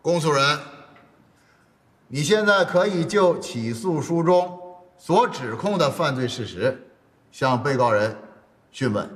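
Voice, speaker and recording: A man's voice: fairly high pitch, expressive. An actor playing a stern male presiding judge, formal and commanding. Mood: authoritative. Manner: formal, commanding, drawn-out court calls.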